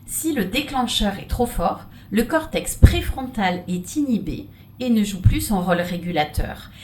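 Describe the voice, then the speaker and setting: A woman's voice: mid-range voice, animated, unhurried, a little mellow, a little hiss or hum. A woman giving a humorous stage talk, playful and theatrical, with laughing asides. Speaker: conference speaker. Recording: echoey hall, mic from far off.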